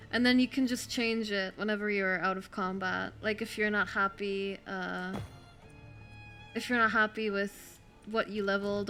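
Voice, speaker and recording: A woman's voice: mid-range voice, fairly bright tone. A woman with a German accent streaming a game, chatting casually, thinking aloud and answering her chat. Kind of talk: casual gameplay commentary.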